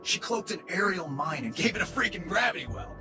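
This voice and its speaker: An actor voices a brash male AI weapons maker in a video game, serving as the onboard AI guide; he's casual and cocky, explains features and calls his user boss. His voice sits high and is expressive and brisk, with music in the background.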